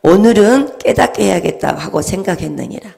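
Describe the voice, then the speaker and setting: A woman voicing the Lord as a solemn, fatherly male divine figure, speaking slowly in an archaic, commanding way within her sermon. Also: mid-range voice, animated, vocal fry, warm tone. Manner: slow, archaic commanding speech.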